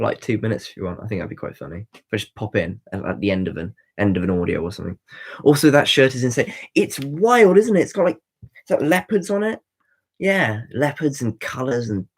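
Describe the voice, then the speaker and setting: A man in his twenties chats casually on a livestream, his fairly low voice creaky with a breathy edge. He rambles while replying to viewers, often saying um and starting over.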